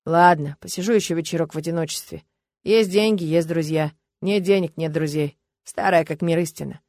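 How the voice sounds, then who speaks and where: A woman reading an audiobook, voicing a gloomy, bitter middle-aged man who bursts out loudly and sardonically. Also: low-pitched, brisk, dry recording, clean studio sound. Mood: sardonic. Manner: agitated, loud, sardonic outbursts.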